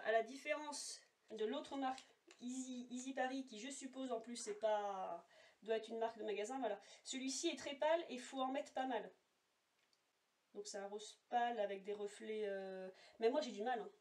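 A woman's voice: a little high, darkish tone. A woman making a casual makeup swatch vlog at home, chatty and rambling with many fillers, talking to a camera set apart from her. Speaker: beauty vlogger. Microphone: camera set apart, no monitor. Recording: voice a little far from the mic.

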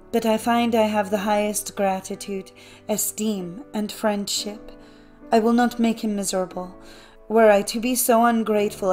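A woman's voice: mid-range voice, darkish tone, close to an everyday voice. A woman voicing a kind-hearted young heroine in an audiobook fairy tale; she speaks earnestly and pleadingly.

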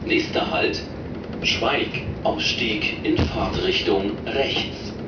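Guy doing formal station announcements over train intercom, far from mic, really loud train noise. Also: lowish voice, highs cut off. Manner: formal, measured, in short set phrases. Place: inside a commuter train carriage. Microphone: recorder far from the train's loudspeaker. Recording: echoey, noisy train cabin, distant loudspeaker.

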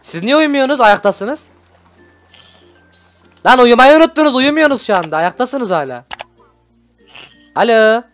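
Excitable young man commenting on a game. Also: extremely high pitch, normal speed, long pauses. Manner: excitable, shouty, constantly reacting. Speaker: gaming YouTuber host. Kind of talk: gameplay commentary. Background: background music.

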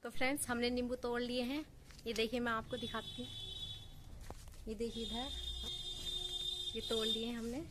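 Filming herself at arm's length, a twenties-aged vlogger wanders a village courtyard and rooftop, showing things to the camera. Her fairly high voice is flat and moderately paced, broken by long pauses, and the outdoor background is clearly audible.

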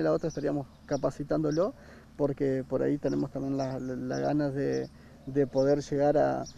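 A man, a campground manager speaking haltingly in an outdoor interview. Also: on the high side, vocal fry, dark tone. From Argentina. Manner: hesitant, many fillers and restarts. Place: outdoor park by a river. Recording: dull sound, faint outdoor noise.

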